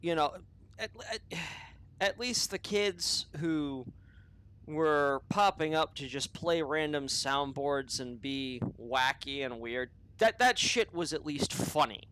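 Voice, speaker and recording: The voice is male, fairly high and a bit bright, moving slowly, with poor audio and slight background noise. This podcast host offers unscripted opinions in a profane, meandering monologue, constantly restarting and drifting into tangents.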